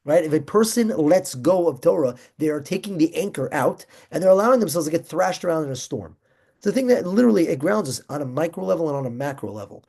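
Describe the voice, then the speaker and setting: Young male Torah teacher: excitable, emphatic delivery, mellow, darker tone. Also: on the high side, fast, gravelly, breathy edge. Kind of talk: informal Torah class.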